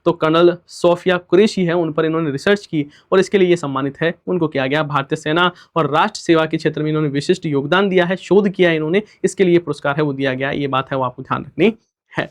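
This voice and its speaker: A man teaching a recorded exam-prep lesson, firing off questions and repeating each answer twice. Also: on the high side. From India. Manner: rhetorical questions and repeated answers, student-style replies; fast-talking.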